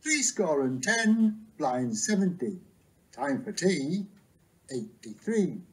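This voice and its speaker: A husky bingo caller with a wide, swooping pitch who takes the calls at an unhurried pace. Each rhyme rises, and the number after it falls much lower. It keeps a steady, sing-song rhythm from one call to the next.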